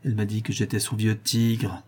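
A man's voice: fairly low pitch, little pitch movement, normal speed, a little mellow, husky. A man voicing a delirious middle-aged notary who rants feverishly and then turns to cold menace. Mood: feverish pleading.

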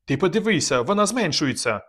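A man reading aloud, raising his voice high to play an excitable boy balloon pilot. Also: fairly quick, slightly rough, full character voice. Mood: urgent. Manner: high, urgent shouting.

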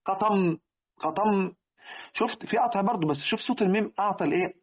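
Fast-talking Egyptian man teaching. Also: high voice. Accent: Egyptian Arabic. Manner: rhetorical questions to listeners, repeats key words. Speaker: religious teacher. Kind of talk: Quran word-meaning lesson. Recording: tinny, phone-like lo-fi recording.

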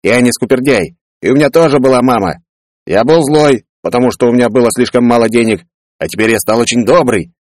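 A man voicing a greedy, brash grown brother who talks loud, wheedling and boastful. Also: mid-range voice, fairly quick, no room sound, clean studio sound, pitched above the performer's own voice, natural voice.

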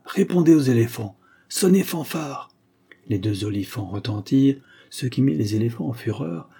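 A man narrating an old adventure novel in a measured storytelling manner. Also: fairly low pitch, warm tone, husky. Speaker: audiobook narrator. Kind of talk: reading a 19th-century adventure novel.

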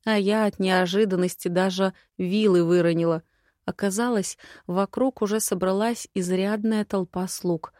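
A woman narrating a first-person audiobook in a wry, lively storytelling manner. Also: mid-range voice, moderate pace, dry recording, studio quality.

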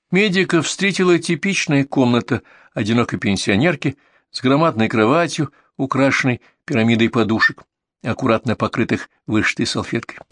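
A man narrating an audiobook in an even, descriptive reading style. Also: medium pitch, no echo, clean studio sound. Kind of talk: scripted narration.

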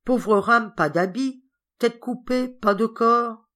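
A woman voicing an excitable, joyful young male servant who talks in short, broken phrases. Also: sits high, moderate pace, creaky, faint music behind, voice pushed up, heavily acted. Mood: eager.

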